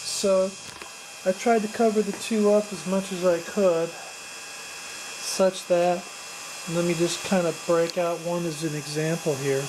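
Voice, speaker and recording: Taking it slowly in a steady tone, a woman with a voice on the low side walks through her build as a casual hobbyist presenter, unscripted, hesitant and self-deprecating. Clear machine noise sounds behind her.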